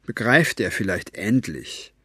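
A man doing a cold, slow-talking gang boss. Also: fairly low pitch, very animated, husky, no echo, clean studio sound, heavily acted. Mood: menacing. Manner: slow, quiet menace.

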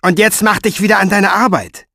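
A man doing a sneering, high-pitched villain. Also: brisk, pushed and bright, dry recording, studio quality, exaggerated voice. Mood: mocking. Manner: mocking, menacing. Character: sneering cruel male villain commander.

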